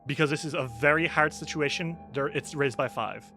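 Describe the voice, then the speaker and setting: A man narrates a tabletop game as game master, painting the scene in vivid, animated detail. His voice sits a little high and sounds bright and sharp. His delivery is lively and descriptive. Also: fairly quick, faint music behind.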